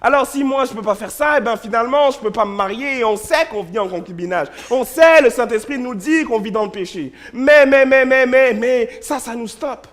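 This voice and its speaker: A male pastor delivers a church sermon full of stories, repeating words and swinging between loud and hushed passages. His voice is extremely high, animated, and fairly quick, with few pauses.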